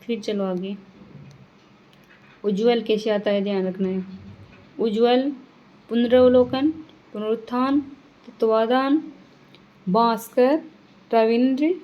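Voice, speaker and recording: Woman teacher, higher voice, reads word lists with brief reminders; muffled, lo-fi sound. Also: steady tone. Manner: reads words one by one, adds quick reminders to students. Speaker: Hindi grammar teacher. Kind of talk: classroom lesson reading word lists.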